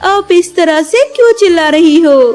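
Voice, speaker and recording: A woman's voice: very high voice, normal speed, soft background music. A woman doing a kind, modest young bird wife. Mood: gentle. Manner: gentle, polite.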